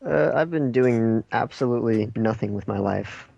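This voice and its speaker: A man's voice: on the low side, normal speed, creaky, a little mellow, muffled recording. A man joining a casual podcast chat with dry, self-mocking quips.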